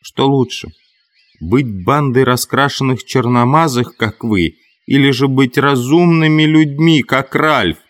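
Brief: a man doing a chubby earnest boy in a storybook reading, shrill and indignant, voice pushed well up. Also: unhurried, close to an everyday voice. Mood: indignant pleading. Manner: shrill high shouting.

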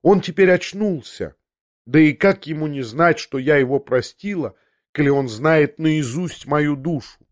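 A man's voice: on the high side, measured pace, lightly acted. A man reading an audiobook, voicing a young noblewoman who confesses in a breathless, restless way, half talking to herself, in a slightly raised voice. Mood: agitated. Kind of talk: audiobook character voice.

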